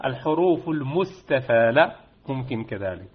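A man's voice: medium pitch, sing-song, normal speed, breathy edge. A middle-aged man, teaching a Quran recitation class, patiently repeating and drawing out example words for his students. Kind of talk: classroom lesson with dictation. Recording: dull lo-fi recording.

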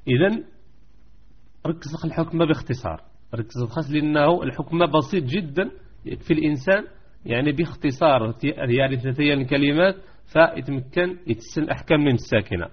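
A man teaching Quran recitation rules in a live online lesson, repeating points slowly and chanting verses. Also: mid-range voice, slightly rough, dull audio.

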